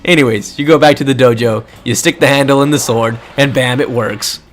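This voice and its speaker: A man's voice: mid-range voice, fairly even intonation, a little fast, slight background noise. Crude sarcastic young man recapping a game. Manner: crude, sarcastic, laughing asides.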